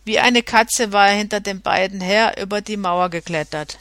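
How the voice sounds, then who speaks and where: Woman narrator, audiobook reading, mid pitch, dry close sound. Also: moderate pace, no room sound. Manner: steady reading with occasional slips and self-corrections. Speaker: audiobook reader.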